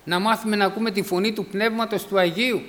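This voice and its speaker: High, bright-voiced male preacher. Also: fairly even intonation. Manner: emphatic, repeats key phrases, acts out the voices in stories. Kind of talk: sermon. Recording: echoey hall.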